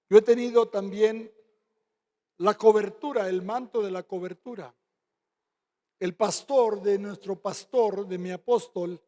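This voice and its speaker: A man preaching a sermon with a Mexican Spanish accent, telling stories and acting out dialogue with quick asides. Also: sits high, mellow. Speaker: pastor. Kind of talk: sermon with storytelling. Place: church sanctuary. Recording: long hall reverb.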